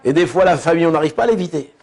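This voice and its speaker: A rabbi teaching an informal religious class speaks rapid-fire in an animated, somewhat high and slightly mellow voice. He is chatty, constantly asks his listeners questions, and restarts his sentences a lot.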